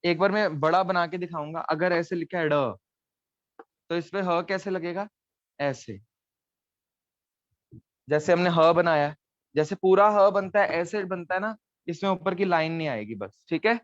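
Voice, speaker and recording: Male teacher, patient step-by-step explainer, slightly raised pitch, dry dull recording. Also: measured pace, pauses often, dry recording. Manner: patient, explains step by step, checks with "theek hai". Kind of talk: online Gurmukhi lesson at a board.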